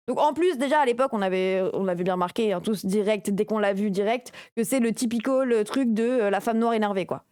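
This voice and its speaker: A woman's voice: mid-range voice, brisk, few pauses, darkish tone, clean tone, no room sound, clean studio sound. A young adult woman streamer giving casual, sarcastic react commentary, chatty and full of fillers.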